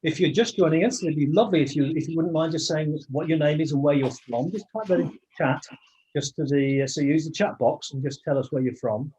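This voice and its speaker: A fast-talking English host with a slightly high, darkish voice welcomes people into an online meeting. His chat is casual and he often restarts sentences, and the video call audio comes through muffled.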